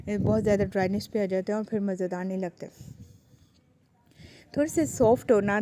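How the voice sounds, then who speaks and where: Woman, home cooking vlogger, chatty and unhurried, mid-pitched voice, heavy background noise. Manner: chatty, homely, deliberately slow and careful delivery. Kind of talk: casual voice-over narration of a cooking vlog. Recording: loud background noise throughout.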